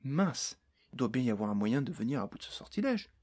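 A man's voice: mid-range voice, sing-song, brisk, a little mellow, slightly rough. A male narrator voicing a small, anxious female fairy in a storybook. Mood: alarmed.

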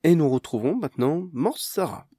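A man voicing a television news anchor in an audiobook, with a smooth broadcast cadence. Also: a little high, expressive, normal speed, dark tone, no echo, clean studio sound, voice pushed up. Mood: polished.

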